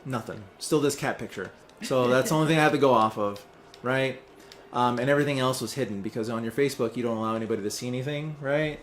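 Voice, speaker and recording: A man's voice: medium pitch, fast, few pauses, slight background noise. A young man hosting a let's play, chatting casually while he plays, rambling and distracted, with many fillers. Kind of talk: casual chat while playing a game.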